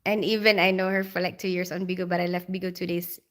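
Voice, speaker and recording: A woman's voice: on the low side, level tone, fast. A woman with a Filipino accent who grew up in the Philippines, chatting casually on a live stream, reading viewer comments aloud and laughing often.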